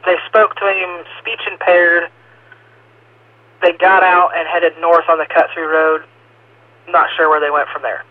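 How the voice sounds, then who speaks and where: A man's voice: on the high side, little pitch movement, measured pace, long pauses. A male police dispatcher giving clipped radio calls with codes, heard over a two-way radio. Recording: narrow radio band with faint hiss.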